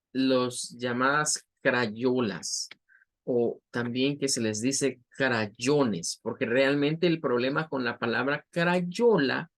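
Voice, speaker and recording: A man's voice: medium pitch, fairly bright tone. A male English teacher with a Latin American Spanish accent, giving a vocabulary lesson and patiently repeating each word for pronunciation.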